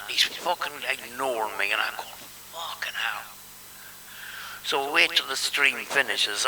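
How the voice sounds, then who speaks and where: Sweary, chuckling man with sharp voice. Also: on the low side, recorded from a distance, a little hiss or hum, poor audio. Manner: chuckling, rambling, sweary and self-amused. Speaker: channel host. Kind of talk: casual storytelling monologue.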